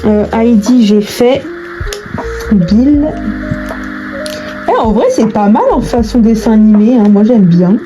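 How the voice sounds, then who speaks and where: Speaking slowly and pausing often, a young adult woman with a fairly high voice thinks aloud as she crafts, her talk slangy and informal. This online video creator is heard over background music in a low-quality recording.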